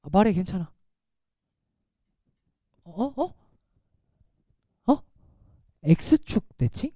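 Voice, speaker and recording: A man teaching a math class, talking casually and quizzing his students with quick rhetorical questions. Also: high voice, very animated, dark tone, no room sound, studio quality. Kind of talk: classroom lecture.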